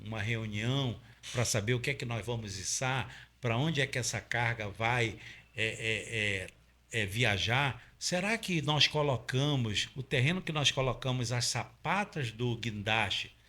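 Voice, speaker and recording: This middle-aged Paraense man is an oil industry safety trainer appearing as an interview guest, explaining in steps with frequent fillers and tag questions. His Pará accent comes through in a medium-pitched, animated, sharp-toned voice at an unhurried pace.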